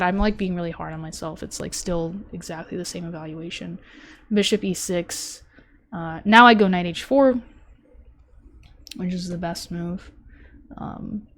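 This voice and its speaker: Chatty young woman talking through chess moves. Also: medium pitch. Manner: chatty, self-deprecating, thinks aloud with many fillers. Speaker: chess streamer reviewing her tournament game. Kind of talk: casual live-stream commentary.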